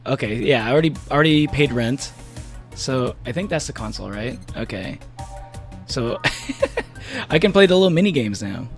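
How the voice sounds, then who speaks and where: A man streams a game live and chats casually with viewers, rambling with many fillers and restarts and laughing often. His voice is medium-pitched and animated at normal speed, with frequent pauses and soft background music.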